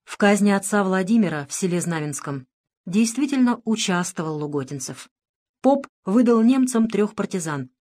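A woman reading an audiobook in a measured, even scripted narration. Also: medium pitch.

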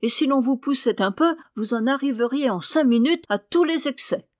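Une femme qui prête sa voix à une jeune épouse coquette et piquée, au ton faussement angélique. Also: female voice, high voice, expressive, normal speed, a little mellow, no echo, studio quality, pitched above the performer's own voice. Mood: piqued. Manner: piqued, affected sweetness. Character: coquettish, prickly young wife at bedtime.

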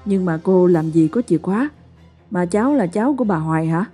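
Woman reading as a brisk middle-aged village woman, practical, concerned, low warm voice, audio storybook. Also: lively intonation, husky, faint music behind.

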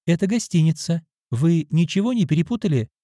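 A man's voice: fairly high pitch, animated, fairly quick, dark tone, dry recording, studio quality, pitched above the performer's own voice. A man voicing a stern young female hotel receptionist in a storybook reading, speaking in a prim, matter-of-fact way.

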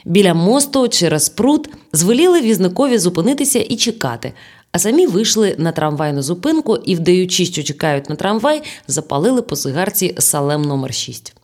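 A woman narrating an audiobook in a lively storytelling manner. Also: fairly low pitch, fairly quick.

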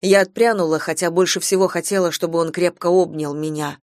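A woman narrating a novel in first person, reading in a measured, emotional way. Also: on the low side, steady tone, darkish tone, no room sound, clean studio sound. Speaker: audiobook narrator.

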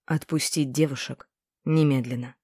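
A woman voicing a male inquisitor who speaks quietly, softly and coldly, in an audiobook. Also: on the low side, moderate pace, no room sound, clean studio sound, natural voice. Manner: quiet, soft and cold.

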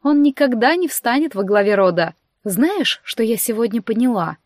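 A woman reading the part of a scheming young female necromancer with a mocking, sharp-tongued manner. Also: fairly high pitch, expressive, moderate pace, no room sound, studio quality.

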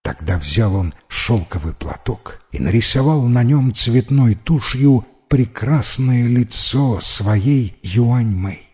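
Slow, expressive male storyteller. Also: mid-range voice, slightly rough. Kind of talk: scripted fairy-tale narration.

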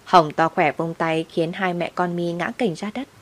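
A woman narrating a first-person story in a steady, unhurried way. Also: lowish voice.

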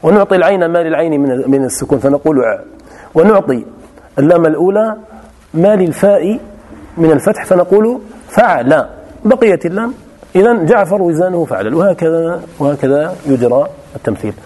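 A man's voice: fairly high pitch, animated, fairly quick, dark tone. A man teaching a grammar class who explains step by step and often repeats his key phrases. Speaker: teacher of Arabic morphology. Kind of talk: classroom lesson.

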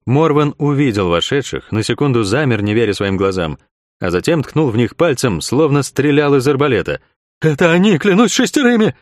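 Expressive male audiobook narrator. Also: mid-range voice, moderate pace, no echo. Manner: expressive storytelling.

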